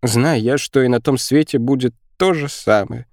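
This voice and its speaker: A man voicing a pale, timid dead woman in an audiobook, speaking meekly and slowly with a tearful edge. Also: medium pitch, no echo, studio quality, pitched above the performer's own voice. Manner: meek, slow, tearful.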